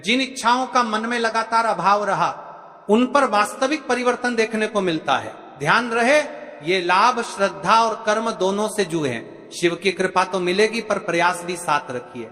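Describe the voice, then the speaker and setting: High bright-voiced male preacher, reverberant. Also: expressive, normal speed. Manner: instructive, addresses listeners as devotees; repeats a checking "okay". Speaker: religious preacher. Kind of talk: devotional instruction.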